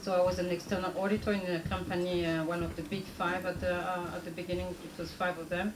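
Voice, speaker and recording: A woman with a Burundian accent giving a talk show presentation in a halting, hesitant way with frequent pauses. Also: lowish voice, little pitch movement. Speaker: guest speaker, banker. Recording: echoey room, clear background noise.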